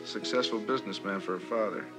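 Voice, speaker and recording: An actor playing a cheerful middle-aged wrestler and husband, talking in a boisterous, playful way. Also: male voice, lowish voice, fast, loud music behind the voice, lightly acted.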